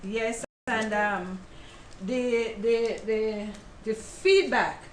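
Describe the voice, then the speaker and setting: A woman's voice: a little high, extremely slow, reverberant. A woman guest, an actress and playwright, telling a story in a casual chat, laughing often. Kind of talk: casual talk show chat.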